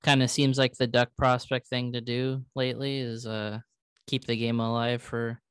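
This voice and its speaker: A man with a clean, smooth voice co-hosts a relaxed sports podcast. He recaps things loosely, pausing on fillers as he searches for details. The sound is dry and close, with no room around it. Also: medium pitch, dry recording. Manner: conversational, hedging with fillers. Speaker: podcast co-host. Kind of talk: casual sports chat.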